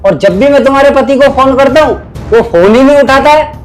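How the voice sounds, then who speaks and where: A man's voice: a little fast, soft background music. A man playing a pushy, bullying landlord. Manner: loud, bullying, later sly and low. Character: pushy lecherous male landlord demanding rent. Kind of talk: low-budget comedy film acting.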